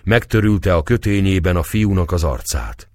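A man reading a novel aloud as a measured, expressive audiobook narrator. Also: deep voice, no room sound.

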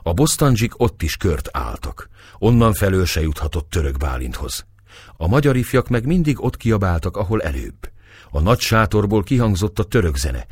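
Brief: male audiobook narrator, low husky voice, dry close recording. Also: no room sound. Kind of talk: scripted narration of a historical novel.

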